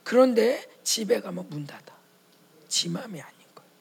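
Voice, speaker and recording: A woman, a pastor's wife, preaching a sermon to fellow pastors' wives in a dramatic way, acting out quoted voices and swinging from loud outbursts to whispers. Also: mid-range voice, expressive, normal speed, vocal fry, slightly rough.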